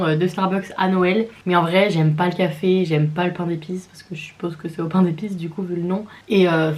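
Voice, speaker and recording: Young woman from the Paris area, rapid casual vlog chat, mid pitch, eating as she talks. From France, Paris region. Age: 20s. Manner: chatty, talking with mouth full. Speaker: vlogger. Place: home in London.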